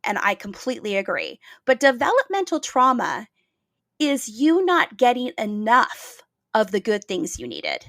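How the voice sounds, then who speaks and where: A woman's voice: fairly high pitch, wildly swooping pitch, measured pace, fairly bright tone, no echo, clean studio sound. A woman hosting a podcast, telling a reflective story in an earnest, emphatic way. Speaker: podcast host.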